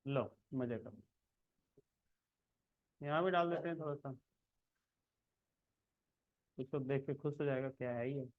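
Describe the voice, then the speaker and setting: A man's voice: mid-range voice, measured pace, pauses often, phone-quality sound. A man giving a casual screen-recorded coding lesson, talking the viewer through each step and checking in often. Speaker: programming tutor.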